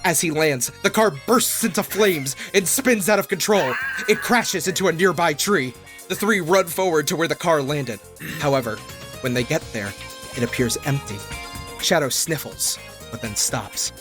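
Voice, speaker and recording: This man performs dramatic narration for a comedy fandub, often cracking up in the middle of a line. His voice leans high and he keeps a moderate pace, with music in the background.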